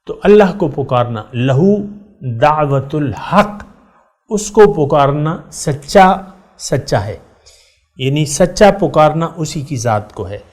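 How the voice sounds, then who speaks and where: A middle-aged man giving a Quran lesson as a sermon, speaking straight to his listeners, repeating key words for emphasis and reciting verses slowly. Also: a little high, animated. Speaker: Quran teacher.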